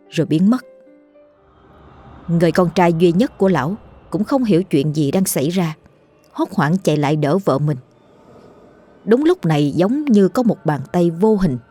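Female ghost-story narrator, low, dark and husky, hushed late-night delivery.

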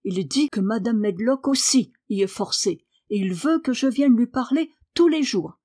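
A woman's voice: a little high, lively intonation, normal speed, darkish tone, breathy edge. A woman voicing a willful young girl who speaks firmly and earnestly. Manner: firm, earnest.

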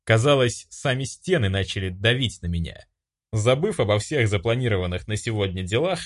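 A man narrating a fantasy audiobook in an expressive storytelling manner. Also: fairly low pitch. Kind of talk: scripted narration.

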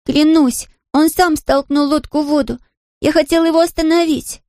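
A woman's voice: sits high, fairly even intonation, moderate pace, darkish tone, dry recording, clean studio sound, pitched above the performer's own voice. A woman voicing a frightened young girl who pleads and insists in a storybook reading. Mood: pleading.

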